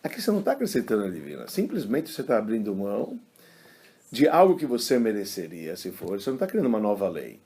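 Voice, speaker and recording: A man, a rabbi giving a casual religious lesson and telling stories in an animated, colloquial way. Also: lowish voice, fast, breathy edge. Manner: animated, colloquial storyteller, acting out quotes. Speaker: rabbi teaching a class.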